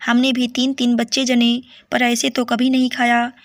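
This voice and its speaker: A woman's voice: a little high, completely flat delivery, moderate pace, no echo, studio quality, close to an everyday voice. A woman voicing a scolding middle-aged mother-in-law in a story read-aloud. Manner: sharp, scolding.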